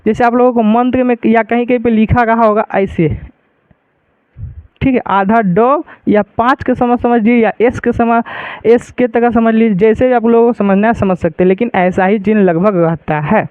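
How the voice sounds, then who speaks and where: High-voiced patient male teacher. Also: steady tone, moderate pace, clear, resonant tone, no room sound. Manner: patient, repeats points and checks understanding. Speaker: Sanskrit teacher. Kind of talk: online lesson explaining reading rules. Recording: dry, phone-like narrow sound.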